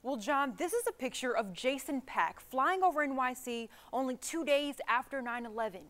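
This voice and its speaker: Higher-pitched young American woman reporting. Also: expressive, normal speed, a bit bright. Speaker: television news reporter. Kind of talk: scripted news narration.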